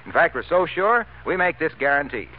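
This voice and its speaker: A man's voice: on the high side, sing-song, brisk, phone-quality sound, a little hiss or hum. An American man announcing for a 1940s radio sponsor with emphatic, polished salesmanship, on an old radio recording.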